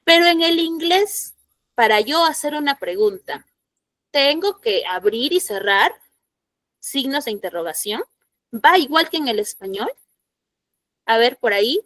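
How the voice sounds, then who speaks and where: A woman's voice: sits high, expressive, measured pace, long pauses, a bit bright, no echo. A woman teacher, explaining grammar rules and asking her students questions. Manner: explanatory, asks the class questions. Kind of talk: classroom lesson to students.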